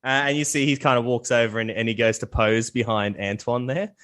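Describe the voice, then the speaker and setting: A man's voice: medium pitch, steady tone, a little fast, a bit bright. A man narrating a tabletop game as game master in an easygoing way. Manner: easygoing, laughs often.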